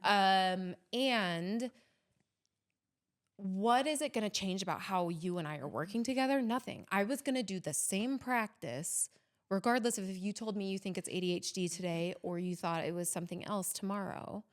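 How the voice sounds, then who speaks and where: A woman's voice: mid-range voice, normal speed. A woman therapist on a podcast, thoughtfully explaining her approach in a casual, rambling way. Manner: thoughtful, explains at length with frequent "like" and restarts. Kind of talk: casual conversational interview.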